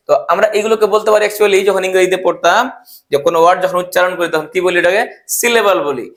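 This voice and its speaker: A man's voice: high-pitched, a bit bright. A man teaching English spelling, asking and answering his own questions as he spells words out letter by letter. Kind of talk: explaining spelling step by step.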